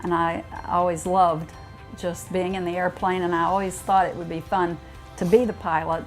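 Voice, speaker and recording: Older woman, interviewee, personal storytelling, faint music behind. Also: on the low side. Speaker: retirement community resident being interviewed.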